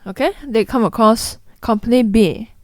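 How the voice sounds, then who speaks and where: An investing vlogger, a young woman with a Singaporean accent, speaks to camera about investing mistakes in a blunt, chatty way, mimicking people in quotes. Her voice is a little high and a little mellow, at normal speed. The recording is dry, with clean studio sound.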